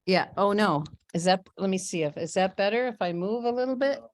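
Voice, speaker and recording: A woman co-hosting a group video call, her voice breaking up and dropping words over a bad internet connection, speaking haltingly. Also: medium pitch, lively intonation. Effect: voice cutting in and out over a bad internet call. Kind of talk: casual chat.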